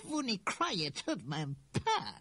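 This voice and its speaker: A woman's voice: fairly low pitch, wildly swooping pitch, takes it slowly, a bit bright, breathy edge, no echo, heavily acted. A woman voicing a skeptical, stubborn young boy in a storybook audio drama, talking in a childlike way. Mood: scoffing.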